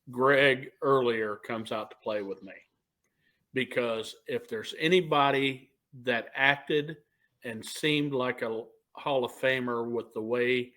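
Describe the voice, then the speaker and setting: A man's voice: medium pitch, a bit bright. Emphatic man from Missouri. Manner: emphatic, building a case point by point. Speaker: panel guest. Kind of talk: casual panel discussion.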